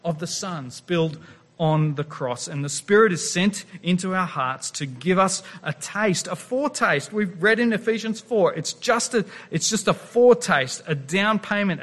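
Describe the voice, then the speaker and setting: A man in his thirties preaching a sermon in a church, animated and emphatic, with his voice rising on key points. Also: a little high, measured pace. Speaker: pastor. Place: church sanctuary. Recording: long reverb of a large church hall.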